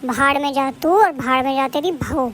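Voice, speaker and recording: A sharp-tongued middle-aged neighbor aunt, played by a woman in a home-drama cartoon. Her voice sits very high and thin, and she scolds and grumbles in a steady nagging manner. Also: moderate pace, slight background noise. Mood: scolding. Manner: scolding, complaining. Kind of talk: animated cartoon voice acting.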